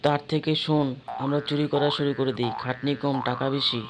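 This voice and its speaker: A man's voice: medium pitch, little pitch movement, brisk, natural voice. A man voicing a sneaky, scheming jackal husband who is a petty thief in a cartoon story. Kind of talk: exaggerated cartoon story acting. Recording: music behind the dialogue.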